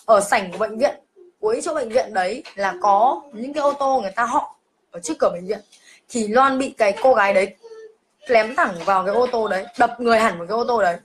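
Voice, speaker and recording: This livestreamer is a young woman who talks fast in a highish voice while emotionally sharing a ghost story that happened to her, using her own name as she goes. A faint background noise sits behind her.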